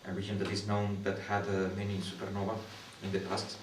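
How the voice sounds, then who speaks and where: Heard from across a roomy space with faint noise in the background, a young Guatemalan man explains his astronomy research for an interview. He is a PhD student speaking halting second-language English, thoughtful yet riddled with fillers, pauses, and restarts. His voice is on the low side and monotone.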